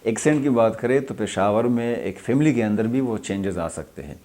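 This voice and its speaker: A man's voice: lowish voice, animated, mellow. A young adult man from Pakistan, an English lecturer explaining a lesson, repeating points and mixing in English terms.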